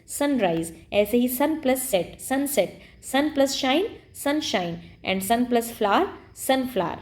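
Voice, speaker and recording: A woman teaching a primary school English lesson, speaking with an Indian accent. She explains patiently, reading English lines slowly and then translating them. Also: a little high, darkish tone.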